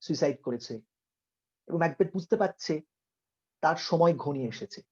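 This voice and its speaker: A man's voice: a little high, normal speed, a little mellow, husky, dull audio. A middle-aged man teaching a theatre workshop, explaining acting in an earnest, emphatic way and slipping into English phrases.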